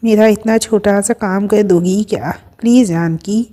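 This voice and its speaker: A woman voicing a gravely ill mother in an audio story, speaking softly and pleading through tears. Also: mid-range voice, normal speed, natural voice. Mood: tearful. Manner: soft, tearful pleading.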